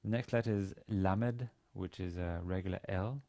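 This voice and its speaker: This is a language lesson from a Danish man in his forties, filmed indoors in a studio with a plain grey background. His very low voice is warm and has vocal fry. He speaks haltingly, repeating short words as he goes.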